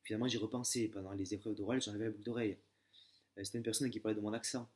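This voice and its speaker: A man's voice: fairly low pitch, flat delivery, racing. A young man talking casually in a vlog, telling stories full of fillers and restarts. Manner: hesitant, many fillers and restarts; chatty, familiar storytelling. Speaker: exam candidate sharing his method.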